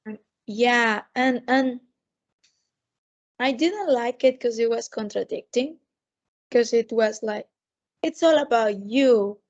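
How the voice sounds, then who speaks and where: A woman co-hosting a podcast in casual, halting conversation. Her voice sits on the high side and sounds thick from a sore, swollen throat. The recording is a little dull and lo-fi. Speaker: podcast co-host. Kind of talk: casual chat.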